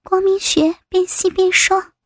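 A woman narrating a scripted audio story in a slow, even reading. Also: very high-pitched, dry recording. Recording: dry close recording.

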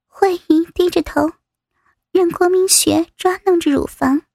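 A woman narrates a story slowly in a very high voice with a gravelly edge. Her reading is even, and the dry sound sits close to the mic. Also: no echo. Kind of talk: scripted erotic story narration.

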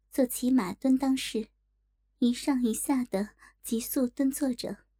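A woman reads a story aloud at a steady, measured pace. Her voice is mellow and warm, pitched somewhat high. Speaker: audiobook narrator. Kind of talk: storybook narration.

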